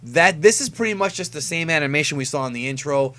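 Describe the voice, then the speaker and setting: Over a noisy background, a YouTube host fires off animated, fast fan commentary on an anime episode preview. His voice is on the higher side, and he talks conversationally, punching key words.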